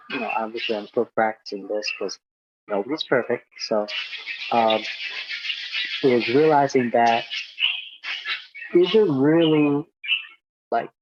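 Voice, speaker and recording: In a casual interview, a male guest from Hungary speaks reflectively, using many fillers and repeating words. His voice sits at medium pitch, and the lo-fi recording carries background noise.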